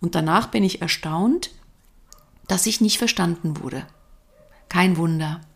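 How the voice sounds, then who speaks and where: A woman voice coach hosting a podcast, explaining calmly and speaking directly to the listener. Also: on the low side, measured pace, creaky, slightly rough. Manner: calm, addresses the listener directly. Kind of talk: instructive podcast talk.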